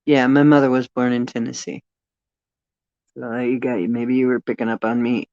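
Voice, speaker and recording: An older channel host with a Northeastern Ohio accent chats casually and expressively on a livestream, laughing often and trailing off with fillers. His mid-range voice is level, a little mellow, at normal speed, in a dry, dull-sounding recording.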